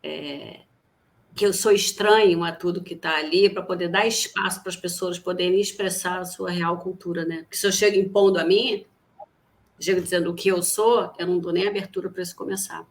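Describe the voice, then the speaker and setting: Woman co-host, low voice, reflective, fond of metaphors. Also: steady tone, brisk. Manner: reflective, quotes songs and metaphors. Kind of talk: live talk, reflective comments.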